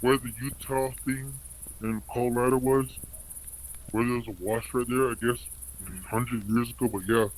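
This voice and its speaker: A man's voice: medium pitch, level tone, normal speed, rough recording. An anonymous man telling stories in a rambling, casual way, his voice electronically altered to disguise it. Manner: rambling, filler-heavy, many "like"s. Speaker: anonymous storyteller. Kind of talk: casual storytelling.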